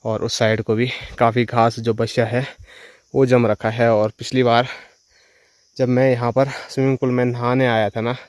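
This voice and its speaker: Speaking straight to his viewers, a village vlogger from northern India's Himalayan hills chats while walking in a forest for a casual vlog. His mid-range voice keeps a level tone at a moderate pace. The recording is dry, with insects and rural outdoor sounds in the background.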